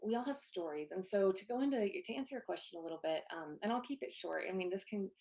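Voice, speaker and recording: A soft-spoken woman in her thirties, joining by video call from her home office, tells a personal story as a guest. Her mid-range, expressive voice has a gravelly fry, and she speaks openly and earnestly, pausing on plenty of fillers.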